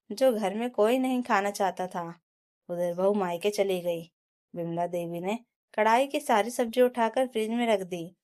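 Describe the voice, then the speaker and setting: A woman narrating a family drama story in a plain, steady storytelling voice. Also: mid-range voice.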